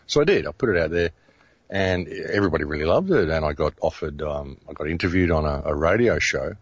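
A man's voice: rumbling low, expressive, fairly quick, husky, dry recording, highs cut off. A middle-aged Australian man, a radio host, telling his story in a casual interview with many restarts and fillers.

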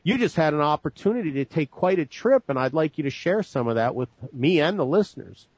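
A man with a slightly higher voice hosts the show, circling through long questions and fixing his phrasing mid-sentence. The recording is dry and close, with a muffled, lo-fi tone. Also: lively intonation, brisk, a little mellow, breathy edge, dry recording. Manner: rambling, self-correcting questions. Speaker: host. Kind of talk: casual interview talk.

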